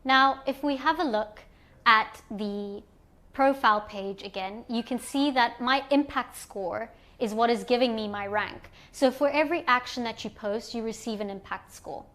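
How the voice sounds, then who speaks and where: Presenting an online platform, a woman from Zimbabwe with a slightly high voice takes new users through every screen in turn. Her explanation is calm and methodical, delivered at a normal pace.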